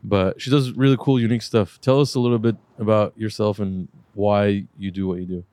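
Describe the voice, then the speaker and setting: A low-voiced man hosts a casual podcast and rambles in a relaxed way, teasing his guest now and then. His voice sounds dry and close, with no room echo. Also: brisk. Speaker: podcast host.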